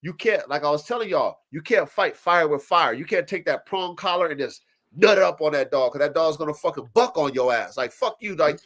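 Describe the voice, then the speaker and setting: A man with a fairly high voice talks briskly about dogs while hosting a live-stream podcast, his allergies leaving him congested. It's a casual chat full of swearing, animated energy, and acted-out quotes from dogs and owners.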